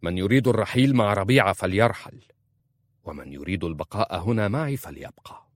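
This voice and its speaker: Man as a stern desert chieftain, commanding, forceful, deep low voice, storybook, dry. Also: normal speed, breathy edge, no room sound.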